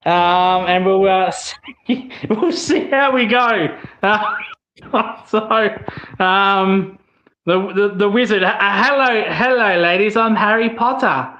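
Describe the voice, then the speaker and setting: A high-voiced man rambles through crude, self-mocking sports banter. His voice comes through a dull, muffled mic in a roomy, echoey space. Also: slow pace, sharp tone. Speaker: co-host. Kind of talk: casual sports podcast banter.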